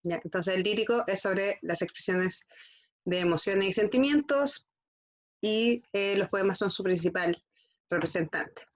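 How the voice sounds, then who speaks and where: A woman's voice: mid-range voice, unhurried. Woman teacher, slightly muffled. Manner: frequent checking "¿ya?" with students. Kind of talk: classroom lesson.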